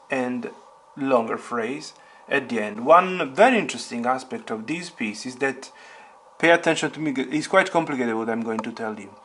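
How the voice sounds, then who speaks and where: A man's voice: mid-range voice, a bit bright. A man teaching piano step by step, patiently naming notes and fingerings and repeating the key points. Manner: names notes and fingerings aloud.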